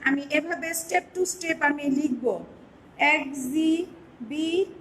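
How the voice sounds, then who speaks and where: A Bangladeshi woman teaching an online class, explaining step by step and slowly spelling words out. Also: sits high, fairly bright tone, slight background noise, poor audio.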